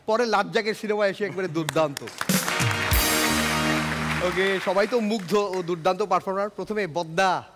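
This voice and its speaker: Male comedy show host, Bangladeshi accent, high voice, reverberant hall, loud music. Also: normal speed, pauses often. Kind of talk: lively stage hosting. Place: indoor TV comedy stage.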